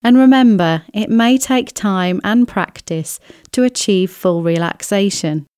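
A woman guides a relaxation exercise in a mellow, smooth voice. She moves very slowly through each scripted instruction, gentle and soothing, leaving unhurried pauses. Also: medium pitch, no echo, clean studio sound. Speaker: relaxation therapist guiding an exercise. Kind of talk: scripted guided relaxation, body scan meditation.

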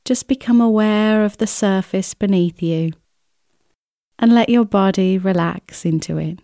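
A woman reading a scripted guided relaxation as a therapist, in a soothing, gentle way with long, unhurried pauses. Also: mid-range voice, dry recording, clean studio sound. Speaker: relaxation therapist guiding an exercise. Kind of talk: scripted guided relaxation, body scan meditation.

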